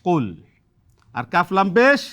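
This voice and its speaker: Speaking at normal speed with a medium, expressive voice, a Quran teacher in a TV studio patiently quizzes students on how letters are pronounced. The manner is encouraging, and many points end with a questioning "right?".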